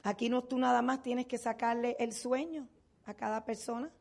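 A woman's voice: on the high side, steady tone, moderate pace, gravelly, a little mellow. An older woman giving a motivational seminar talk to a business audience. She asks rhetorical questions and then answers them herself.

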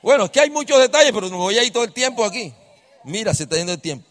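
A middle-aged man, telling a personal story to a live audience in an animated way and speaking to them directly. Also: high-pitched, very fast, long reverb tail.

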